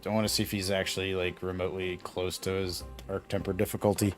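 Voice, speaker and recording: A man's voice: low voice, level tone, quick pace, faint music behind. A man in his forties hosting a casual live game stream, joking with his co-streamer and greeting viewers by name. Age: 40s. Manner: easygoing, jokey, greets chat by name. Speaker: gaming streamer, channel host. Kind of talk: casual live-stream chat while gaming.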